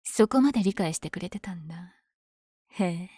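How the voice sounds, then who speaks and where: Woman playing a mellow, teasing, lovestruck villainess. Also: fairly low pitch, lively intonation, moderate pace, no room sound, clean studio sound. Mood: bashful, confiding. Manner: teasing, breathy asides. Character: powerful flirtatious villain lady, smitten with her hero rival. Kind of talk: ASMR situation voice drama.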